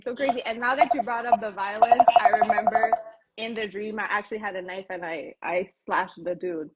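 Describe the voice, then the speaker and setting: A woman hosting a casual livestream chat over a video call, animated and slangy, laughing often. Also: mid-range voice, fairly quick, over loud music. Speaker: host.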